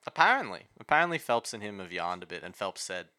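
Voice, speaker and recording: Sharp, lowish Australian male banter. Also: big pitch swings, fast, no echo, studio quality. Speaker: sports podcast co-host. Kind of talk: casual sports banter.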